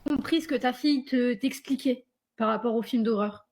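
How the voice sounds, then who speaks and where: Woman interviewer, supportive prompts, high voice. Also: moderate pace, a little mellow. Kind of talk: interview questions.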